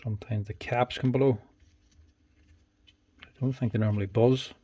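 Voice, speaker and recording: A man's voice: medium pitch, steady tone, normal speed, mellow. A man giving casual workshop commentary as a tool repairer, thinking aloud in short, plain remarks. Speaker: power tool repairer and video host. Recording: clear background noise, clicks and clatter.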